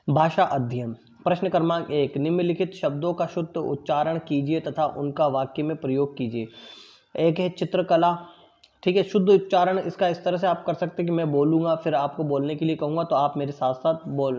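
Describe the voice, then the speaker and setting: Man teaching, repeating answers slowly. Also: on the high side, darkish tone, lo-fi sound. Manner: explains slowly, repeats answers, often says "theek hai"; drills pronunciation, word then pause for pupils. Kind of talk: online class lesson.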